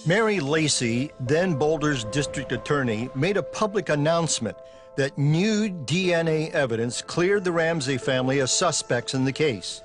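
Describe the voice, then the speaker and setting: A male television reporter reading scripted news narration in an even, polished way. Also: a little high, normal speed, faint music behind.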